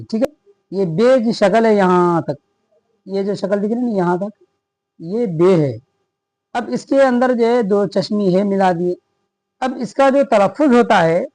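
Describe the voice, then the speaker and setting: A man's voice: high voice, no echo. A man who teaches at a madrasa, patiently explaining letter sounds, repeating each one and asking the listener to say it back. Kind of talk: patient spoken alphabet lesson.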